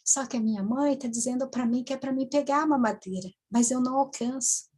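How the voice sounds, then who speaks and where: A woman's voice: high voice, brisk, darkish tone, breathy edge. A woman voicing a tearful three-year-old girl who pleads in a whiny, childlike way. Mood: pleading.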